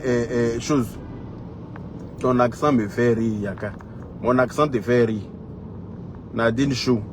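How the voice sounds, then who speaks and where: A man's voice: medium pitch, background noise. Scolding Ivorian man ranting to camera. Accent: Ivorian French. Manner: scolding, repetitive, rhetorical questions. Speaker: social media commentator. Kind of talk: heated direct-address rant.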